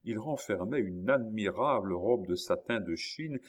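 A male narrator reading a classic novel aloud with expressive storytelling. His voice is fairly low but his delivery swings widely in pitch. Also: unhurried.

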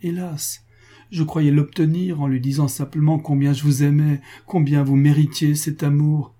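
A man's voice: on the high side, flat delivery, mellow, voice pushed up, natural voice. Man voicing Antonine, an anxious young woman in love. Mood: distressed. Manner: hurried, tearful pleading.

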